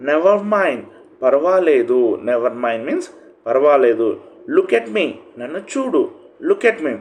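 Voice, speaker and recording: A man's voice: a little high, big pitch swings, takes it slowly. A man with a Telugu accent teaching spoken English. He says each English phrase with emphasis, then gives its meaning. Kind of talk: phrase-by-phrase language lesson.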